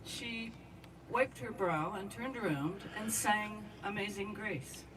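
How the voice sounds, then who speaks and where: A woman's voice: medium pitch, takes it slowly. Heartfelt woman giving a eulogy from afar. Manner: heartfelt, speaks straight to the departed friend. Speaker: eulogy speaker. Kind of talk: memorial eulogy. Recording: distant mic with outdoor noise.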